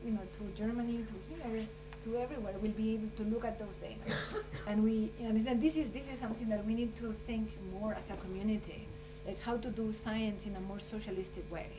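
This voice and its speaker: A woman's voice: on the high side, fairly even intonation, brisk, few pauses. A woman from Chile, giving earnest, rambling closing remarks at a conference. She fills her speech with "you know" and "like.". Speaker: scientist speaking at a conference. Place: conference room. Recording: distant mic with hum.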